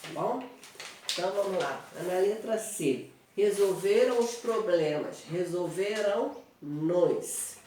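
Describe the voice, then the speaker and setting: Brazilian woman teacher for a home-recorded online lesson, unhurried and methodical, heard from a distance in a very echoey room. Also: mid-range voice, expressive, dark tone. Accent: Brazilian Portuguese. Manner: slow, explanatory, repeats examples and checks with "tá?". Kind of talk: online grammar lesson at a whiteboard. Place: small room at home with a whiteboard. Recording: echoey room, mic at a distance, faint noise.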